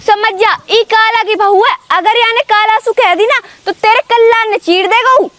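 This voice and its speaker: A woman playing a sharp-tongued old village wife, scolding and threatening in a village comedy skit. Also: very high-pitched, loud music behind the voice. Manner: scolding, threatening, fast insults. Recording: loud background noise.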